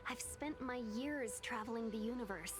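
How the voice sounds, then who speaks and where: An actress playing a polite, gently confident female envoy in a video game, with a courteous, composed delivery. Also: fairly high pitch, normal speed, over music, lightly acted. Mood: polite, assured. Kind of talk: scripted video game dialogue.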